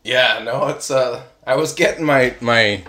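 A man in casual conversation who laughs often and keeps breaking into loud, yelled voices for things he imagines talking. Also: medium pitch, a little slow. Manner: laughing, animated, swearing, acts out plants in loud yelling voices. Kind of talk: casual chat.

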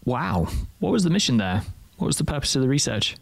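A man's voice: mid-range voice, very animated, brisk, vocal fry. A man hosting an interview series, reading a polished intro and then asking questions. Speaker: podcast host. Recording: music bed under the voice.

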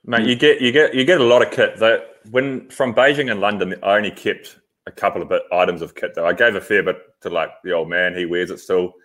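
A man's voice: lowish voice, fairly quick, few pauses, fairly bright tone. A man talking casually and informally as a co-host on a podcast. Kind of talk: casual chat.

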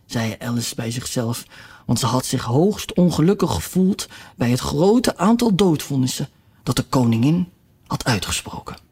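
Audiobook narrator, husky voice, lively pitch movement. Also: moderate pace. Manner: expressive storytelling. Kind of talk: audiobook reading.

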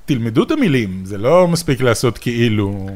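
A man's voice: medium pitch, sing-song, a little mellow. A man with an Israeli accent chatting casually as a co-host, with offhand, wry remarks. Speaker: podcast co-host. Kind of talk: casual chat.

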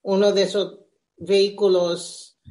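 Middle-aged woman guest, unhurried, halting, thoughtful. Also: medium pitch, level tone, a little mellow. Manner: slow, halting and reflective. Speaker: interview guest. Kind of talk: conversational interview.

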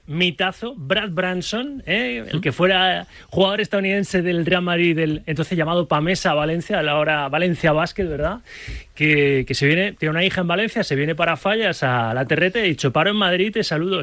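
A man hosting a sports radio show, energetic and joking, with quick asides to guests and callers. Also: sits high, no echo. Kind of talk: lively sports radio chat.

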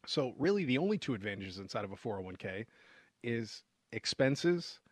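A man hosting a radio finance show, explaining in a relaxed, conversational way with frequent fillers and restarts. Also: mid-range voice, moderate pace, breathy edge, no echo.

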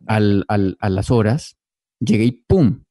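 A man hosting a podcast, telling a funny story in casual chat and jumping into squeaky voices when he quotes people. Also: takes it slowly, no room sound, studio quality. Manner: animated, jumps into squeaky voices when quoting. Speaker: podcast host.

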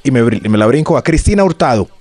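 A man's voice: medium pitch, fast talker, no room sound. A man co-hosting a radio show, teasing and joking in casual banter. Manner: playful, teasing, animated. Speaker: radio co-host. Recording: faint music behind.

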